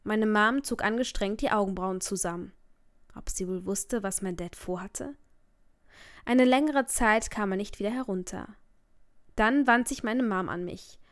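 A woman's voice: mid-range voice, a little slow. Woman narrating an audiobook emotively. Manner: emotive storytelling. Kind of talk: first-person audiobook narration.

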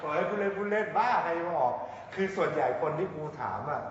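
A man's voice: on the high side, expressive, fast. A man, a singing coach, chatting casually and teasing, laughing often and slipping into coarse slang. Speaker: singing coach on a reality show. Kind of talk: casual studio chat. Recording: roomy hall with audience, dull sound.

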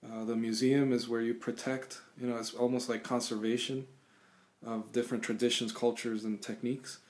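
A man in his thirties, born in Cuba, answering interview questions thoughtfully over a video call from a small room at home, with frequent pauses and restarts. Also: medium pitch, flat delivery, darkish tone. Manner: thoughtful, halting, many restarts and fillers. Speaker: guest musician. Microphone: webcam on video call.

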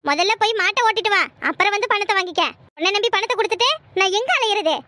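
A woman's voice: very high voice, quick pace, sharp tone, no room sound. A woman voicing a cruel, stingy landlady who scolds with scorn in a cartoon. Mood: contemptuous. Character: cruel, stingy rich landlady, sharp-tongued.

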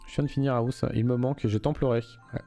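Young guy streaming a game, reads the story then chats with viewers, relaxed mellow tone, soft music in the back. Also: medium pitch, quick pace. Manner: casual, swears freely, chatty with chat. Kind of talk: live gameplay stream, reading aloud and chatting with viewers.

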